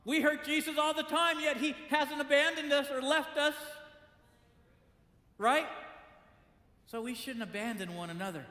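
A man's voice: very high-pitched, bright, forceful tone. A man preaching a conversational sermon in a church, acting out the complaints he quotes. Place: church sanctuary. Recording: echoey church hall with long reverb.

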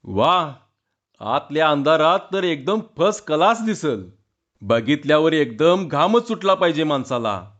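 Jokey young man teasing his pal, put on by a male reader, a touch high, dull lo-fi. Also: sing-song, measured pace, fairly bright tone. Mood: curious. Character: young male narrator-self, amused and jokey.

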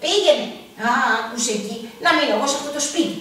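A woman's voice: high voice, expressive, a bit bright. A bossy fisherman's wife, voiced by a woman in a school puppet show nags and mocks her husband impatiently. Her voice carries from a distance in a very echoey room. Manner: nagging, mocking, impatient. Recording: echoey room, far from the mic.

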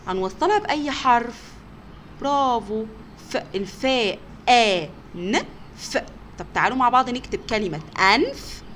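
A woman with an Egyptian Arabic accent teaching kindergarteners, sounding out words slowly and praising them often. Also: on the high side, fairly bright tone, slight background noise. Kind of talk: recorded online lesson for young children.

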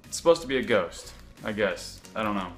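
A man's voice: lowish voice, lively intonation, brisk, soft background music. Rambling young man vlogging casually. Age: young adult. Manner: rambling, unsure asides. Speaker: YouTube vlogger. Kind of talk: casual chat to camera. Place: home kitchen.

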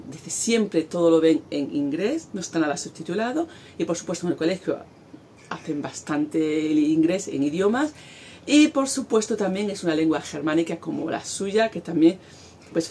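Outdoors in a garden, a Spanish vlogger in her forties chats animatedly to the camera in her Spanish accent, using her hands as she goes. She has a lowish, somewhat dark voice, and the recording carries a faint hiss or hum.

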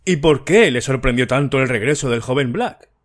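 A man narrating an audiobook, voicing a fussy, sharp-eyed older detective in a dry, precise, lightly lecturing manner. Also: medium pitch, expressive, moderate pace, natural voice. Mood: explaining.

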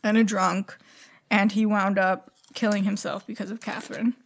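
A woman's voice: medium pitch, level tone, moderate pace, slight background noise. A woman co-hosting a book club podcast, chatting casually and bluntly, swearing freely and laughing between points. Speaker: podcast co-host.

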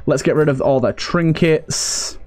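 A gaming video host with a fairly high, darkish voice gives casual let's play commentary at a slightly slow pace, thinking aloud and talking to his game characters. Game music plays behind his voice.

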